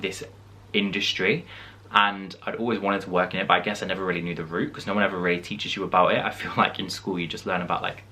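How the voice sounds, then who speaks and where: A young man in his twenties from the English Midlands answers viewer questions in a vlog, his voice low with a sharp tone. He's chatty and reflective, leaning heavily on "like" and "um."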